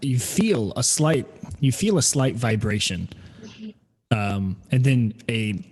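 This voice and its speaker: Guy game master narrating a tabletop rpg, slow pace, medium pitch. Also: expressive, darkish tone.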